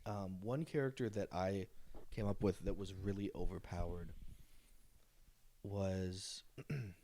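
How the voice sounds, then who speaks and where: A young man chatting casually on a podcast, his voice sitting a bit on the low side. He gets excitable and swears freely, with a boastful edge when he talks himself up. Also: measured pace, a little hiss or hum. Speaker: podcast co-host and dungeon master. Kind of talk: casual chat.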